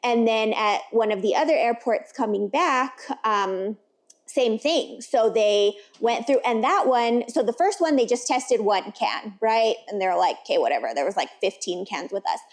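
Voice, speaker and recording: A woman's voice: fairly high pitch, lively intonation, a little slow. A young woman co-hosting a podcast, chatting casually about travel with many fillers and frequent laughs. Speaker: podcast co-host. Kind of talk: casual chat.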